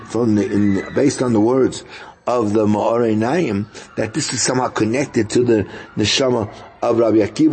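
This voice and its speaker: A man, a rabbi, giving a religious lecture in a halting, explanatory manner, often repeating phrases for emphasis, with a husky, gravelly voice. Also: a little high, a little mellow. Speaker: rabbi giving a Torah lesson.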